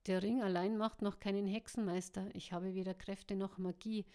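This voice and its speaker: A woman doing a calm, quiet fatherly man. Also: mid-range voice, normal speed, lightly acted.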